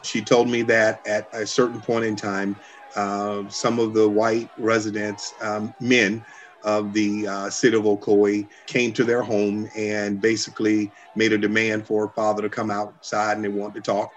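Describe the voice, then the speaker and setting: A man's voice: lowish voice, flat delivery, measured pace. A middle-aged or older man giving personal recollections in an interview. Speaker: interviewee recalling his grandmother. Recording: slightly dull interview audio.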